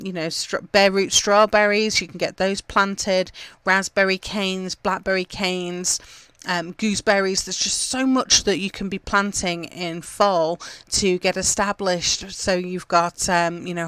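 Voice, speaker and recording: A woman's voice: lowish voice, fairly bright tone, clean tone, dry recording. A woman from England hosting a gardening podcast, chatting casually with lots of fillers as she gives upbeat tips. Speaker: podcast host.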